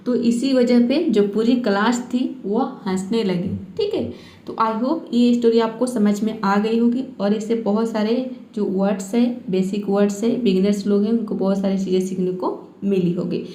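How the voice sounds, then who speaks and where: A woman teaching English in Hindi, reading English phrases slowly word by word and checking in often with the listener. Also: fairly high pitch, dark tone, echoey room.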